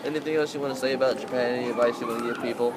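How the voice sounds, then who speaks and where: A man's voice: medium pitch, fairly even intonation, very fast. A man interviewing someone casually outdoors, talking in an informal, rambling way. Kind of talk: casual chat, swearing freely. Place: outdoors on a city street. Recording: noisy outdoor urban street with traffic.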